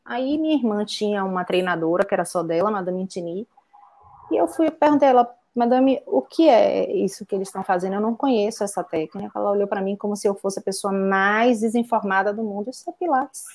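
A woman's voice: mid-range voice, fast, a little mellow. A middle-aged woman with a Bahian accent, a pilates instructor and physiotherapist, chatting as a guest and telling stories with many asides. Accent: Bahian Portuguese. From Bahia, Brazil. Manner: talkative, storytelling with asides. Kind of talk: casual conversation.

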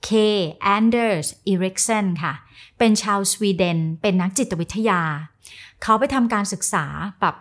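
A woman speaking coach giving a casual, lively lesson and acting out little example scenes. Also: mid-range voice, moderate pace. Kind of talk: casual teaching talk.

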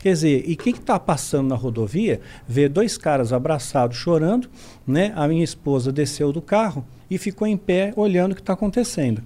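A man, a podcast guest telling a story in a lively way. He acts out the dialogue and tags nearly every sentence with a quick question. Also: fairly high pitch. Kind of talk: storytelling in a casual podcast chat.

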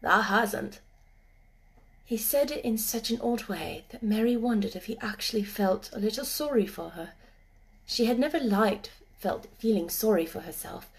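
A woman narrates a children's classic in an even, gentle storybook manner. Her voice sits a little high, and her reading stays calm and measured. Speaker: audiobook narrator.

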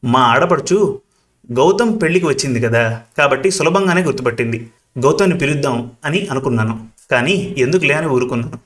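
A man doing a middle-aged sister confiding worries, hesitant, mid-pitched, storybook reading. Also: animated, brisk, fairly bright tone, close to an everyday voice.

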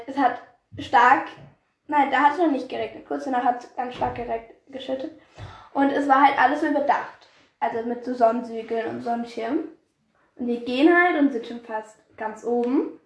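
High-voiced girl rambling in an echoey room. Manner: rambling, filler-heavy, giggly. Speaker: podcast co-host. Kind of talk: casual storytelling chat.

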